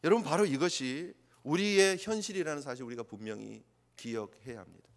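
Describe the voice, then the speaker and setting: Impassioned high-voiced man preaching. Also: a little fast. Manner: impassioned, acts out God's voice in quotes. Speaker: pastor. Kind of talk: sermon. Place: church sanctuary. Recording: long church reverb.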